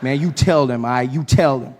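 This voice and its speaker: A comedian doing a loud, excitable American guy. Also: medium pitch, fairly quick, in a large hall, some chatter behind, natural voice. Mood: gushing. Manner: stammering, then gushing slangy speech.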